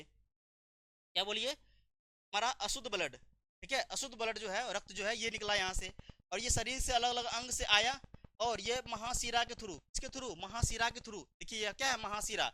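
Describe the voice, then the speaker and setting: A man's voice: high voice, fairly quick, pushed and bright, dry recording. A man teaching a biology lecture, asking his own questions and answering them, repeating key terms.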